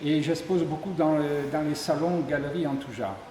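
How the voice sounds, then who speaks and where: His voice is mellow, a little high and brisk as this middle-aged sculptor from Ardèche, southern France, explains his work for an interview. It's recorded indoors in a tourist office exhibition room, with the echoey reverberation of the hall and faint background noise.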